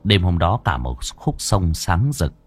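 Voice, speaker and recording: A man's voice: low voice, sing-song, unhurried, faint music behind. Dramatic male horror storyteller. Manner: dramatic, ominous.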